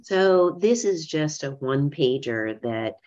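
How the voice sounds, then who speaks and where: A woman's voice: low voice, expressive, takes it slowly, a little mellow, lo-fi sound. A woman executive giving a conference presentation remotely, speaking conversationally and often adding "right?" to her points. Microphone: remote video call audio.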